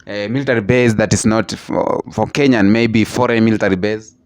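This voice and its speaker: A man's voice: lowish voice, steady tone, fairly quick, darkish tone, clear, resonant tone, dry recording, studio quality. A man hosting a casual reaction talk, asking questions and repeating himself. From Africa. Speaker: host.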